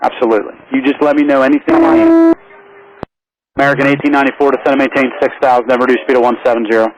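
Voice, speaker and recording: Over aviation radio, a male air traffic controller gives pilots calm, accommodating, businesslike instructions. His voice sits in the mid range and moves fast, and the recording has its high frequencies cut off.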